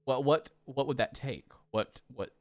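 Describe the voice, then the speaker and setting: A man's voice: medium pitch, measured pace. A man playing in a tabletop game, talking casually and hesitantly, often repeating words. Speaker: player.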